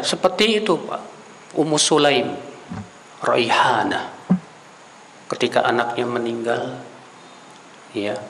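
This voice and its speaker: Gravelly-voiced male preacher. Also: mid-range voice, a bit bright, a little hiss or hum. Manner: asks the audience rhetorical questions; addresses listeners directly as sir and brother. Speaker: Islamic preacher. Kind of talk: conversational religious lecture. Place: Islamic study gathering.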